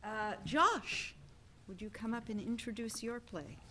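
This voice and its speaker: A woman hosts a play reading before a live audience and also reads out the narrated stage directions. Her fairly high voice is animated, bright and forceful, unhurried, with slight background noise.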